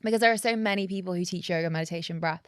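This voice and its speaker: A woman's voice: on the low side, rapid-fire, dry recording. A woman yoga teacher, guest on a podcast, explaining her ideas in long, earnest, flowing runs. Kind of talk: conversational interview, explaining.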